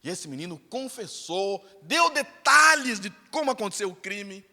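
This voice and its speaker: A man's voice: sits high, very animated, unhurried, bright, forceful tone. A Brazilian man preaching a sermon in a church, telling a story with emphatic, repetitive phrasing. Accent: Brazilian Portuguese. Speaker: pastor. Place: church sanctuary. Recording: reverberant church hall.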